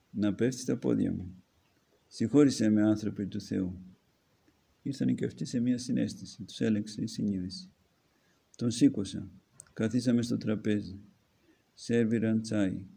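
A man's voice: fairly low pitch, vocal fry, warm tone, slightly rough. A man, an Orthodox archimandrite, reads a book aloud as a homily and breaks off to add his own comments. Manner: reads narrative then pauses to comment.

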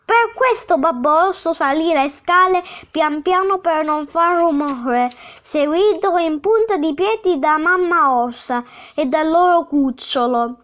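A woman reading a children's story aloud in a gentle, expressive way, on a dull lo-fi recording. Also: very high-pitched, measured pace.

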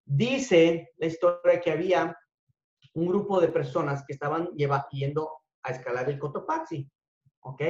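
A man giving a motivational talk to an audience, telling a story in an animated way that swings between loud and hushed. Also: on the high side. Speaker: speaker at a business talk. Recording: echoey room, dull lo-fi sound.

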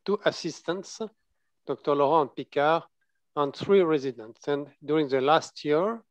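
A man's voice: a little high, no echo. A man from France with a French accent, a surgeon giving a conference case presentation in English and often stopping to restart his words. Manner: halting, self-correcting, searching for words. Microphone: video call. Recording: dull lo-fi video call audio.

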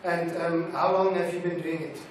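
A man's voice: on the high side, steady tone, moderate pace, a little hiss or hum. A man interviewing a guest over a call, asking short questions and giving brief encouraging replies. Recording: echoey distant call audio.

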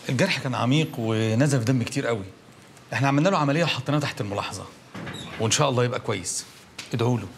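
An actor playing a calm hospital doctor with an Egyptian accent, giving a brisk, matter-of-fact report. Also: male voice, medium pitch, gravelly, slight background noise, lightly acted. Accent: Egyptian Arabic. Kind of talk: TV drama acting.

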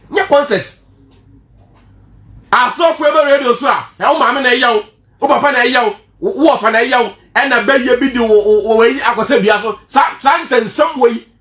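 A man with a Ghanaian accent preaching a sermon, lively and full of rhetorical questions, mixing two languages. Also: very high-pitched, echoey room. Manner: animated preaching, switching between Twi and English, rhetorical questions.

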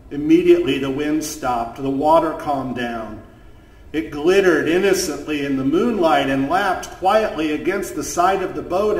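A man, a pastor, telling a story at a children's chapel service, lively in the tale and soft and gentle in the prayers. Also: fairly high pitch. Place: church chapel. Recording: echoey room, voice from far off the mic.

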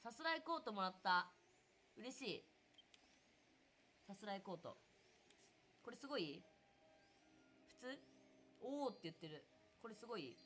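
A young woman chatting casually through a live game stream, excitable and talkative, yelping and shouting at what happens on screen. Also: mid-range voice. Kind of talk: casual live gameplay commentary.

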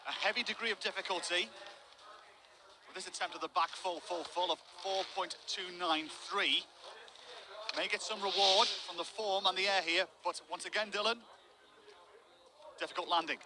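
A man calling live play-by-play sports commentary, measured and building excitement at big moments. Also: high voice, noisy background. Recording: outdoor venue ambience behind voice.

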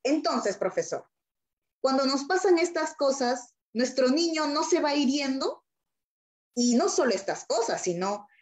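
A woman interviewer in casual conversation, animated as she tells stories and often laughing. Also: sits high, a little slow.

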